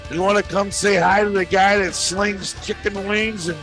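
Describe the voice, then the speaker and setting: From inside his bar, a bar owner and podcast host described only as "a man with a St." hosts a casual promotional chat, enthusiastic and fired up like a hyped-up booster. His voice is high, steady, a bit bright and at normal speed, over soft background music on a low-quality recording.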